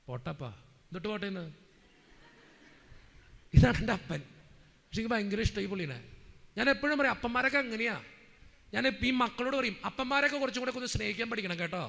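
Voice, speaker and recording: A high-pitched, gravelly male preacher with a bright, sharp edge to his voice. He preaches in a chatty, storytelling way, acting out family dialogue with humor, and his voice carries a long reverb, as if in a large hall. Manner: storytelling with lively quoted dialogue, conversational and humorous. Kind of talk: sermon.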